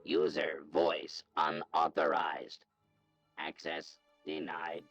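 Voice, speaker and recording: A computer processing voice from a game bank terminal, very deep and rumbling. It delivers its clipped announcements at a crawling pace in one flat, unchanging tone. The sound is muffled and distant. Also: male voice, creaky, faint music behind, exaggerated voice. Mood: mechanical. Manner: slow, clipped machine announcements. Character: monotone male bank security computer.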